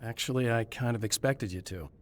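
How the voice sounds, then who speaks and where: A lightly acted, brisk mid-range read gives voice to a worn-out yet resolute male horror author, the game's protagonist. The cutscene line comes across dry and wry.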